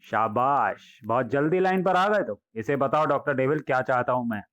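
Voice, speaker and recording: A man's voice: medium pitch, normal speed, a bit bright, dull audio, natural voice. A man voicing a cruel, demonic male ghost villain who speaks in a menacing, commanding way.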